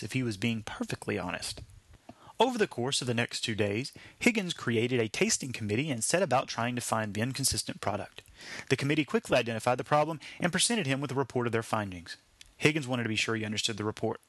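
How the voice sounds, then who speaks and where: A man narrating his own short story in a wry, deadpan storytelling manner. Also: medium pitch, quick pace, no room sound.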